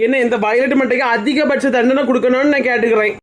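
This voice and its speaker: A woman playing a brash village gossip in a comedy skit, taunting loudly. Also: high-pitched, steady tone, fast talker, lightly acted. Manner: taunting and loud. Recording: noticeable background noise.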